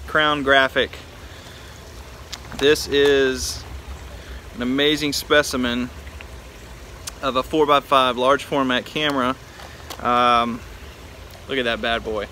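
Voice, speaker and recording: A man's voice: medium pitch, fairly even intonation, takes it slowly, long pauses, bright, forceful tone. An American man from Texas speaking casually and informally from his backyard, giving a hands-on demonstration to camera. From Texas, United States. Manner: informal, laid-back address from the backyard. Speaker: vlogger presenting vintage cameras. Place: outdoors in a backyard by a pool. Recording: outdoor backyard with faint background noise. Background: faint outdoor pool noise.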